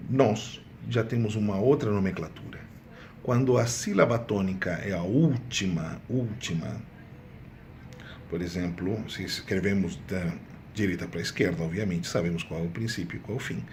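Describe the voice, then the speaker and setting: Low-voiced man teaching a grammar lesson. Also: a little mellow, a little hiss or hum. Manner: repeats key words, drawn-out emphatic examples. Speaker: Spanish teacher. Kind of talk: exam review lesson.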